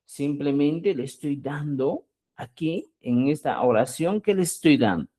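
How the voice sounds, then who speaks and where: Teacher for a live online class, mid-pitched, animated, quizzes students with questions, stretches words for emphasis. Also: a little slow. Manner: asks the class rhetorical questions and answers them. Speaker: Quechua teacher. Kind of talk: live online language lesson.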